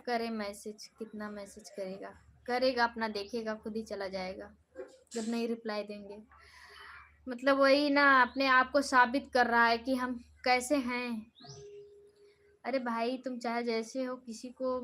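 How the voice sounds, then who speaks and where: A woman's voice: a little high, fairly bright tone, slight background noise. Irritated young woman live streaming. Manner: angry, scolding a troll, then dismissive. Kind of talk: live stream chat reading comments.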